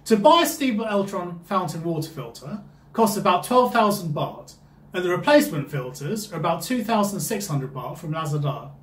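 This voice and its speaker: A man hosts his own explainer channel in a high, lively voice that swoops up and down. He talks upbeat and emphatic, reading a scripted narration, and the recording has a roomy echo. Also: moderate pace. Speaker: channel host.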